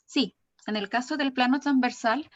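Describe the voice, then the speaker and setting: A woman's voice: sits high, normal speed, dull audio. A woman student asking a question on a video call, hesitant and searching for her words. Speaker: workshop student.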